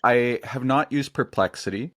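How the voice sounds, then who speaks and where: A man hosting a podcast interview, asking questions in a relaxed conversational way. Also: medium pitch, moderate pace. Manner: asks conversational questions with fillers. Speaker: podcast host. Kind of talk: casual interview chat.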